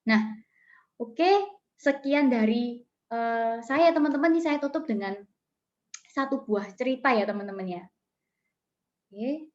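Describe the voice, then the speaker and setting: A woman's voice: fairly high pitch, unhurried, long pauses, muffled recording. A woman mentor giving a coaching talk and telling a story, chatty and full of fillers, addressing her audience often over a video call. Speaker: business mentor.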